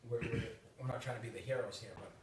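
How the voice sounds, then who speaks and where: A man's voice: medium pitch, fairly even intonation, fast, background noise. A man in his thirties from Boston with a Boston accent, chatting casually and animatedly, with lots of laughs and restarts. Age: 30s. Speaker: host. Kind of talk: casual chat. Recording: echoey room from far off.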